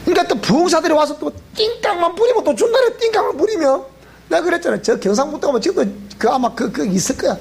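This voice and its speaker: A man's voice: very high voice, animated, fast talker, creaky. A male pastor with a Gyeongsang Korean accent, telling stories in a sermon at church, acting out dialogue and laughing often. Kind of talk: storytelling sermon. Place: church sanctuary.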